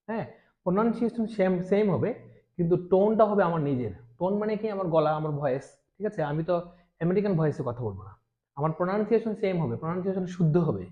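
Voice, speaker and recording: A man teaching a pronunciation lesson, repeating example phrases again and again. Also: on the high side. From Bangladesh. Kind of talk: classroom lecture. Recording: tinny phone-like audio.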